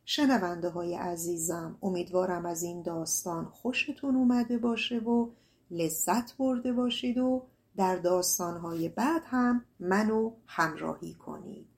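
A woman narrating an audiobook, reading a folk tale in a gentle, expressive way. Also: lowish voice. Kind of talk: storytelling narration.

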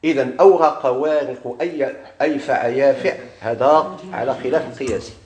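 Echoey Moroccan grammar teacher quizzing students. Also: male voice, medium pitch, darkish tone. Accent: Moroccan Arabic. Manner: quizzes students, drags out example words slowly. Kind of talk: classroom grammar lesson.

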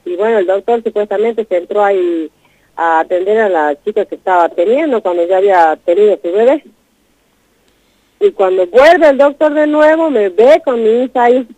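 A radio guest, a woman with a medium-pitched, darkish voice and no echo, speaks at a moderate pace while urgently recounting a distressing personal story. She repeats herself as she rushes through it, on a dull lo-fi broadcast.

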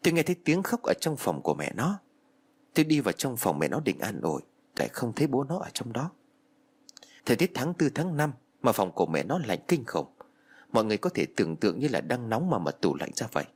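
A man narrating a first-person ghost story in a lively, dramatic storytelling manner. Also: medium pitch, fairly quick, husky.

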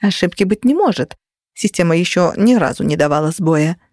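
A woman's voice: fairly low pitch, expressive, fairly quick, a little mellow, no room sound, clean studio sound. A woman narrating a first-person novel in a wry, self-mocking storytelling manner. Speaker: audiobook reader.

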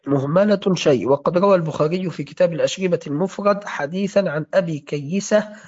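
A man with a fairly high, darkish voice reads quickly from a classical hadith-studies text in a lesson, steadily spelling out names and their vowels. The recording is dull and lo-fi.

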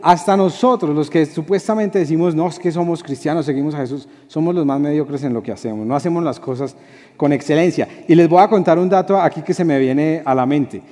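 A young man preaching a lively, joking sermon to a youth group, acting out little dialogues. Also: on the high side, a little fast. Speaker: youth pastor. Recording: long hall reverb.

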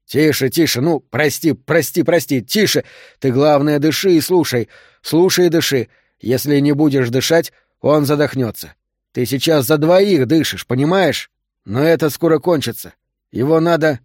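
Gruff male doctor under pressure, urgent commands, dry close sound, read by a male narrator. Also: on the high side, moderate pace, darkish tone, dry recording, close to an everyday voice. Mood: coaxing. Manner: barking urgent orders. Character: male doctor forced into emergency surgery, gruff, bossy.

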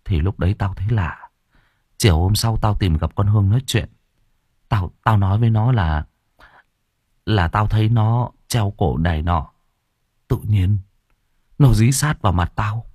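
A man voicing a big, burly teenage boy who stammers and talks in a hushed, scared way in an audiobook. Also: on the low side, measured pace, pauses often, dry recording, clean studio sound. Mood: frightened. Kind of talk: audiobook character voice.

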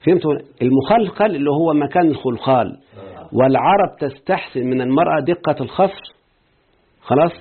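A man teaching a grammar class in an Egyptian accent. He explains each point step by step and keeps asking his students whether they follow. His voice is husky and thin, heard through a tinny, phone-like recording. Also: on the high side, expressive, a little fast. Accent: Egyptian Arabic.

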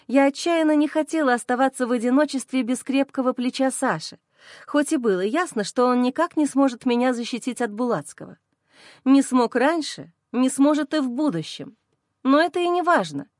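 Woman, audiobook narrator, expressive, fairly high voice, dry sound. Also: no echo. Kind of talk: first-person novel narration.

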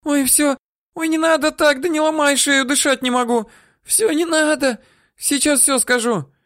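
A man's voice: very high voice, fairly even intonation, normal speed, fairly bright tone, dry recording, clean studio sound, voice pushed up. A man doing a squealing, terrified woman. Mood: whimpering. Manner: whiny, squealing, pleading. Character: frightened whimpering scavenger woman, weak and pleading. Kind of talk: audiobook character voice.

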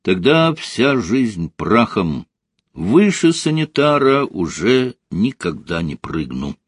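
A man's voice: on the low side, big pitch swings, takes it slowly, slightly rough, no echo, studio quality, pitched above the performer's own voice, heavily acted. A man voicing a playful, somewhat awkward young man in a read story, talking in a teasing, offhand way. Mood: earnest.

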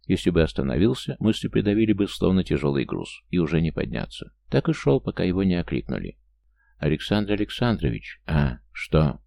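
Male audiobook narrator, very deep and gravelly, measured. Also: big pitch swings, dark tone, no echo. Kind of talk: scripted narration.

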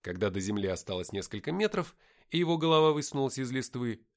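A man reading a first-person adventure audiobook, with lively, dry-humored storytelling. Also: medium pitch, fast. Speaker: audiobook narrator.

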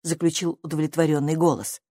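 A woman narrating a storybook in a steady, even reading voice. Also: low-pitched, a little fast, no room sound, clean studio sound.

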